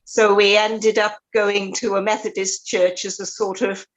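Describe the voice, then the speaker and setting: An older woman talks through her memories in a relaxed podcast interview. She speaks at an even middle pitch, pausing often with little ums and restarting her sentences as she gathers her thoughts. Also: poor audio. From Swansea, South Wales. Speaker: retired Methodist minister, guest. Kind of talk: casual interview chat.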